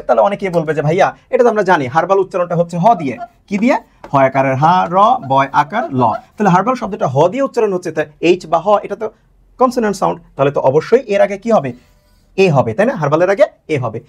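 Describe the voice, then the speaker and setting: A male teacher explains grammar to his students in a quick, animated voice that jumps up and down in pitch. His voice is slightly husky, and he keeps posing questions, then answering them himself, repeating key words to drive them home. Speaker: English teacher.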